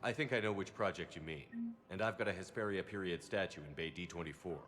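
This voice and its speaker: A military commander hero in a video game. His voice is low, and he speaks calmly in short, measured sentences, steady and supportive. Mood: calm, businesslike. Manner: measured, terse, calm.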